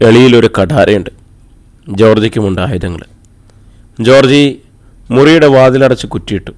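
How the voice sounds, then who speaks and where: Male audiobook narrator, mid-pitched, calm and measured scripted narration.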